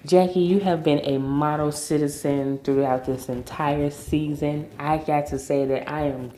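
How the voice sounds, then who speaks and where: A woman's voice: low-pitched, steady tone, unhurried, warm tone, roomy sound, slight background noise. A woman recapping a reality TV episode in a chatty, opinionated way with informal slang. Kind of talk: casual recap commentary.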